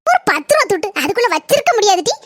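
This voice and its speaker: A woman's voice: very high voice, sing-song, very fast, dry recording, studio quality. A woman voicing a gossipy, exaggerating village housewife in a cartoon, with a southern Tamil Nadu village dialect. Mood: gossiping. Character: gossiping village housewife complaining about in-laws. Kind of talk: cartoon voice acting.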